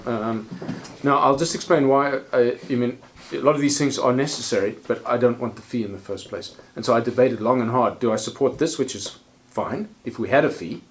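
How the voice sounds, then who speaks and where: A man chairing a council meeting, calling votes in a procedural, brisk manner with wry asides. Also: medium pitch.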